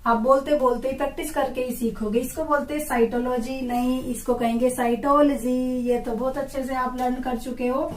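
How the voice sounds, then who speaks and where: A woman's voice: sits high, steady tone, brisk, few pauses, reverberant, distant mic, rough recording. A young adult woman teaching an online biology lesson for exam prep. She repeats terms and drills their pronunciation through question-and-answer prompts.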